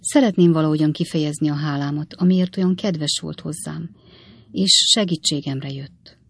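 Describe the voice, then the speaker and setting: A woman's voice: deep voice, steady tone, gravelly, husky, no echo, heavily acted. A woman voicing an anxious middle-aged spinster aunt who pleads and exclaims. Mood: pleading.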